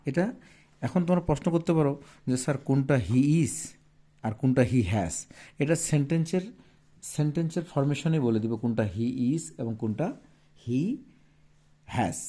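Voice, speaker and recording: A man's voice: medium pitch, normal speed, long pauses, dark tone. A man teaching a primary school English lesson, patiently asking his pupils questions and repeating each answer. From Bangladesh.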